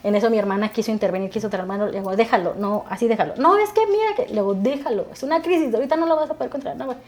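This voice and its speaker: A woman, a guest telling stories about her son in a casual conversation, acting out the dialogue as she goes. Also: mid-range voice. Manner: fast animated storytelling, acting out dialogue.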